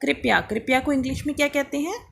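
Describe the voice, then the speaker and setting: A woman's voice: sits high, quick pace, creaky. A woman teaching a beginner English lesson in Hindi, spelling words out letter by letter and prompting learners to repeat after her.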